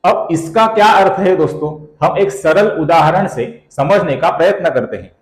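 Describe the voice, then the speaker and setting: A man teaching the pronunciation of verses, speaking slowly and deliberately and stretching out syllables, and addressing viewers as friends. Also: a little high, animated, roomy sound, rough recording. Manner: slow and deliberate, stretching out syllables when he chants. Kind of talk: slow, careful recitation lesson.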